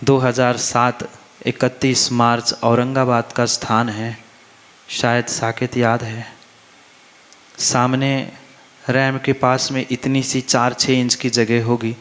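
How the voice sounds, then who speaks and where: A man's voice: medium pitch, level tone, slow, a bit bright. Man preaching to a festival gathering, insistent and repetitive, big echoing hall. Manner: emphatic, repeats phrases, asks the crowd questions. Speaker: Jain monk preacher. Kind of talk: sermon. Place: large hall at a religious festival. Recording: long reverb of a large hall.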